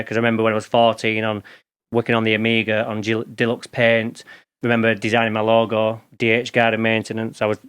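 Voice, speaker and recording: Clear and resonant, this man's mid-range voice is a bit bright. He's an English podcast guest in his forties with a Lancashire accent, chatting casually in an interview and telling candid, rambling work stories full of restarts.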